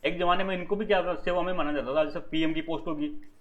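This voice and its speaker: A man teaching an economics class in a slightly high voice. He poses questions to his listeners and answers them himself, and he repeats the key terms. He mixes English words into his explanations. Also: fairly even intonation, fast, dull audio. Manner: addresses listeners as "dosto". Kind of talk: lecture.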